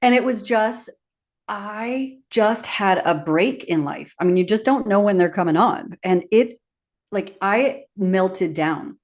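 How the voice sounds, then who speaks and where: A woman's voice: mid-range voice, animated, slow, darkish tone. A woman hosting a podcast who tells a personal story and laughs as she acts out her own quotes. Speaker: podcast host.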